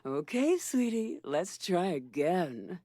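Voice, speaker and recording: Patient brothel tutor, video game character, lowish pitch, slow cooing coaxing. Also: female voice, big pitch swings, mellow, full character voice. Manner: cooing, pet-name coaxing.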